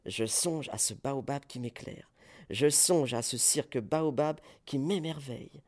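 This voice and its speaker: Slow theatrical man reciting poetry. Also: mid-range voice. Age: 40s. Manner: theatrical, swinging between hushed murmurs and sudden cries.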